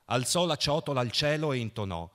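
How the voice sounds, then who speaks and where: A man reading a novel aloud at a book festival in a measured, expressive way. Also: mid-range voice. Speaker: reader.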